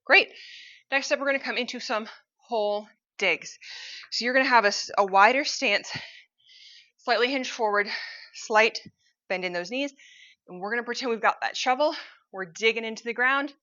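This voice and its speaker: A woman with a bright, forceful voice coaches a cardio workout while moving along with it. She talks in an upbeat, encouraging way and cues each exercise as it happens. The audio is slightly dull and muffled. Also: fairly high pitch, normal speed, pauses often. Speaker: fitness instructor.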